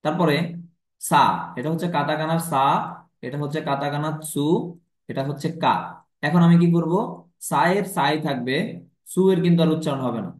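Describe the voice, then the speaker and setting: A man's voice: on the high side, steady tone, moderate pace, pauses often, roomy sound. A man teaching a language lesson, patiently explaining and repeating each step.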